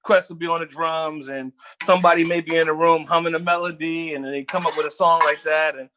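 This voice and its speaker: A man's voice: a little high, fast talker, slight background noise. A middle-aged man from Philadelphia, a guest rapper, telling stories in a casual interview with laughter and frequent swearing. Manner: animated, laughing storyteller who swears freely. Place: home kitchen while cooking.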